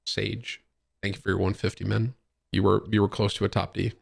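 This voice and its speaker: A young man from Syracuse, New York, hosting a stream in casual, animated chat: he reacts to clips and reads donations, says bro and man a lot, and swears. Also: fairly low pitch, fairly quick, creaky. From Syracuse, New York, USA. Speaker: streamer and host.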